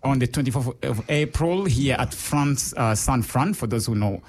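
A man from Rwanda co-hosting a casual radio chat show, talking in an animated way with many fillers. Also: mid-range voice, moderate pace. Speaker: radio co-host.

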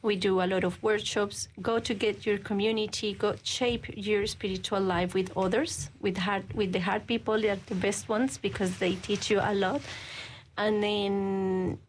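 Woman, earnest, halting guest. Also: mid-range voice, fairly even intonation, slight background noise, poor audio. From Colombia. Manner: earnest, halting speech with frequent restarts. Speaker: guest, women's ministry leader. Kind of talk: conversational interview.

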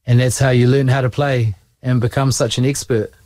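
New male teacher at a school, gently prompting students, dry close sound. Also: medium pitch, steady tone, brisk, no echo. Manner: patient, encouraging questions. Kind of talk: interviewing students.

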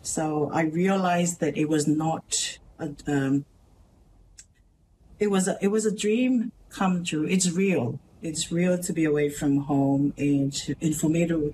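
A woman from Tonga with a Tongan accent, a teacher speaking as a guest in a radio interview, earnest and halting with many pauses and restarts. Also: sits low, dark tone, slight background noise, rough recording. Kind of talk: radio interview, personal story.

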